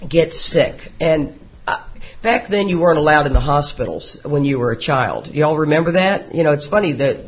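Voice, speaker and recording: A man in his fifties speaks with a drawl in a slightly high voice. He talks to a recovery group as a folksy, joking storyteller who laughs along with his own stories. The recording is dull and lo-fi. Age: 50s. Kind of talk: personal recovery talk to a live group.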